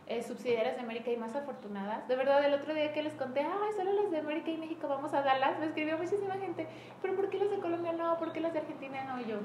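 A high-pitched Mexican woman talks casually to a small group in an echoey room, as if leading a team meeting. She acts out quoted dialogue with lively swings in voice, and a faint hum of background noise sits under her. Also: fast talker. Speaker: Mary Kay sales director leading a team meeting. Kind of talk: casual motivational talk to a group.

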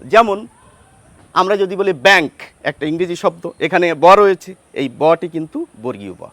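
A man's voice: high voice, animated, moderate pace, a bit bright, dry recording. A man with a Bengali accent teaching a grammar lesson, sounding out example words and asking questions before he answers them.

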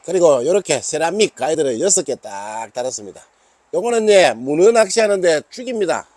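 A man's voice: fairly high pitch, sing-song, brisk, darkish tone, no echo. Jokey older man with a Gyeongsang accent. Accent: Gyeongsang Korean. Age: 60s. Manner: jokey, calls himself by nickname, bantering with himself. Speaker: fishing rod maker and seller. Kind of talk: casual product talk to camera.

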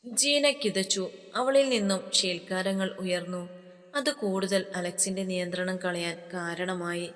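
A woman narrates a romance story in a soft, steady storytelling voice. Her voice sits low. A long hall reverb trails each sentence.

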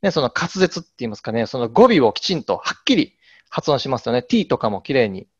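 A male interviewer talks quickly, with a lively, swooping pitch and a polite manner. His voice comes through dull and lo-fi, and he keeps nodding along with short agreeing words. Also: husky. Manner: polite, lots of agreeing backchannels. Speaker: host, interviewer. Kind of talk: casual interview. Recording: dull lo-fi audio.

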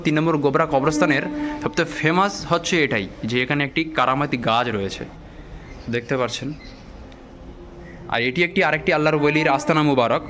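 A man giving a walking-tour vlog narration, speaking in a deliberately hushed, reverent way. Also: mid-range voice. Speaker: vlog host and guide. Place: outdoors in a cemetery. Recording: clearly noisy on-location ambient sound.

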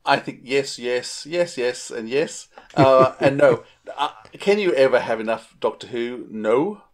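This middle-aged Australian man is co-hosting a podcast over a video call, chatting casually. His mid-range voice is expressive, and he takes his time.

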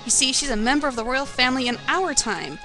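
A woman's voice: high voice, animated, quick pace. A woman streaming a game and reading character dialogue aloud in a casual, earnest way, with game music behind her. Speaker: let's play streamer voicing game characters.

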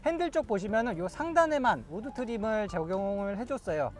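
A man with an exceptionally high voice presents a used car as a salesman. His talk is smooth, self-promoting patter, with faint music behind it. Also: lively intonation, a little fast.

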